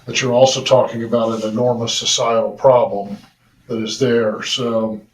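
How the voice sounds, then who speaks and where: A man's voice: medium pitch, level tone. A man, a public defender, speaking earnestly at a county meeting, often restarting his sentences. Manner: earnest, halting with repeated restarts. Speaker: drug court public defender. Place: county council chambers. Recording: roomy chamber audio from far mic.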